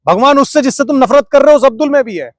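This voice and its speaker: A man with a high voice argues his case in a heated interview, piling up rhetorical questions and pushing back when interrupted. His voice sounds close and dry. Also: lively intonation, quick pace, dry recording. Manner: argumentative, fires rhetorical questions, keeps talking over interruptions. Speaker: interview guest.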